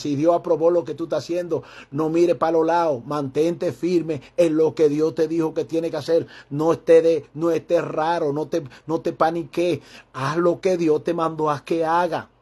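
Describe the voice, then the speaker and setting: Husky fervent preaching man. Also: fairly even intonation, moderate pace, darkish tone. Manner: fervent preaching, rising to high emphatic bursts. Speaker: pastor. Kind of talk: sermon.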